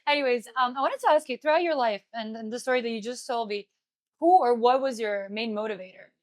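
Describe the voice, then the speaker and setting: A young woman hosting a live event interview, enthusiastic and gushing as she asks her questions. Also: a little high. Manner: enthusiastic, gushing, fast-talking. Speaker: interview host.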